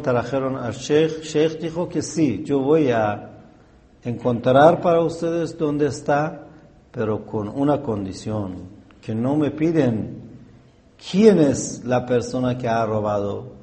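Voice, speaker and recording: A man giving a religious talk, telling a story in a halting way with frequent fillers and throat-clearing. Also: mid-range voice, mellow. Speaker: religious teacher.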